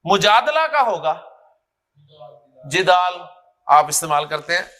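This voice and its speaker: A man teaches grammar at an unhurried pace, drilling words one by one and calling on students. His voice sits high and sounds bright and clear. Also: very animated. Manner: drills words slowly, repeating and quizzing students. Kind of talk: classroom lesson.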